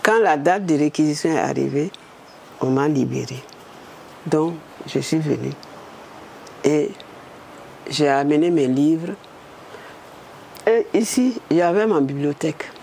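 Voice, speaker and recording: Gravelly-voiced woman in her eighties. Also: deep voice, unhurried, long pauses, slight background noise. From Burkina Faso. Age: 80s. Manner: lively, animated storytelling. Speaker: interview guest, former state secretary. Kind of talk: storytelling interview.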